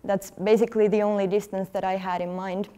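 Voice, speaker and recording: A woman, giving an earnest, conversational talk at a conference, now and then pausing over her words. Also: mid-range voice, little pitch movement, dark tone, clear, resonant tone. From Finland. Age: 30s. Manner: earnest, conversational, slightly halting. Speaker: athlete speaking at a workshop. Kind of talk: conference presentation. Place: conference hall.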